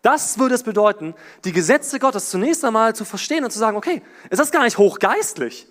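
Animated high-voiced male preacher. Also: brisk. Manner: animated, rises and drops in volume for emphasis. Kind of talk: sermon.

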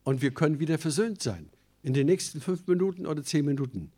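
A man's voice: a little high, animated, quick pace, warm tone. A male pastor delivering a sermon with a voice sitting a little above the usual male range. He preaches with strong emphasis, speaking straight to his listeners, then loosens into chatty asides with the odd hesitation. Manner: emphatic preaching, addresses congregation directly.

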